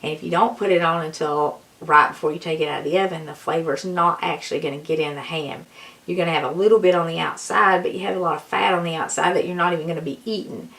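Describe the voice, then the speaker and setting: A woman gives a folksy, casual cooking tutorial in a hoarse voice that is giving out. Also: deep voice, steady tone, fast talker, a bit bright. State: hoarse, losing her voice. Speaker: home cook presenting a recipe.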